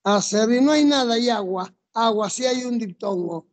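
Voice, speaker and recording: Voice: mid-range voice, normal speed. A teacher in a classroom, methodically walking students through rules step by step and quizzing them on the answers. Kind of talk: classroom lesson.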